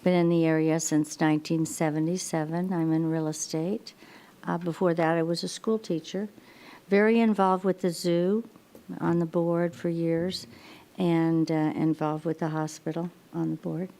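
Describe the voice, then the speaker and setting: A woman's voice: lowish voice, steady tone, moderate pace, dark tone. An older woman from Florida, a committee member, introducing herself at a meeting in a confident, matter-of-fact way.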